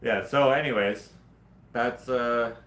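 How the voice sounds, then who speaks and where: Male co-host, mid-pitched, slangy casual banter, echoey room. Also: slow, fairly bright tone. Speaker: podcast co-host. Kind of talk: casual chat.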